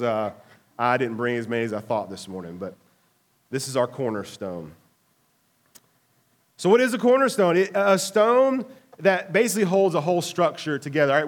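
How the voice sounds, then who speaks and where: A man, a pastor giving announcements and a casual sermon in a church, sounding nasal from a cold and talking in a chatty, folksy way. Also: fairly high pitch. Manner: folksy, chatty, frequent "all right?". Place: church sanctuary.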